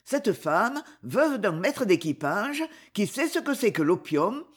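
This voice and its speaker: A somber young woman doctor in an audiobook, as a reader puts her on. Her voice is slightly husky, and its pitch moves with lively variation. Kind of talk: audiobook dialogue.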